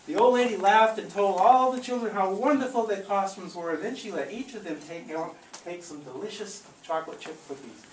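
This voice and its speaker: In a medium-pitched voice, brisk and with hardly any pauses, the host of a live audio theatre show reads to the group with theatrical encouragement and coaching asides. The distant handheld camcorder picks up a noisy, echoey room.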